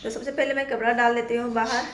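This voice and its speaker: A woman's voice: fairly high pitch, level tone, quick pace, fairly bright tone, slight background noise. A young woman from India narrating her daily routine vlog as a voice-over in a chatty, rambling way, stringing thoughts together with "because" and "na". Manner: chatty, rambling, repeats "kyunki" and "na"; speaks as a voice-over, not to camera. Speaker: vlogger.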